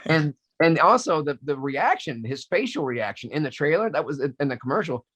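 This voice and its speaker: Animated man in his forties telling stories. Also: fairly high pitch, moderate pace, breathy edge. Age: 40s. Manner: animated storyteller, acts out quotes, many restarts. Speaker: voice actor guest. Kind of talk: casual interview storytelling.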